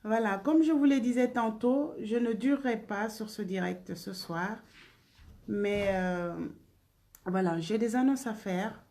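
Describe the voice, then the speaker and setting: A woman's voice: medium pitch, a little slow, dark tone. A woman singer hosting a casual live stream, greeting viewers by name and blowing them kisses between remarks.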